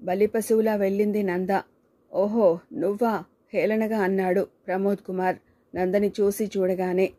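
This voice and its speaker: A woman's voice: mid-range voice, flat delivery, moderate pace, warm tone. A woman reading a short story aloud as narrator, giving the dialogue light changes of tone.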